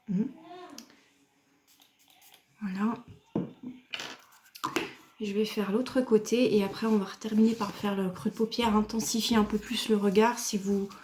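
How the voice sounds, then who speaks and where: A woman's voice: medium pitch, darkish tone. A woman from France explaining a makeup look step by step to her viewers, patient and chatty as she talks to camera. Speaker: beauty YouTuber. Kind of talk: makeup tutorial talk to camera.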